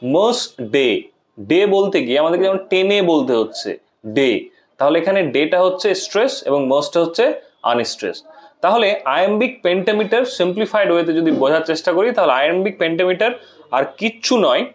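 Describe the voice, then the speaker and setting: A man's voice: high-pitched, expressive, brisk. A man giving a lesson, explaining methodically and repeating examples. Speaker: teacher. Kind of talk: classroom lecture.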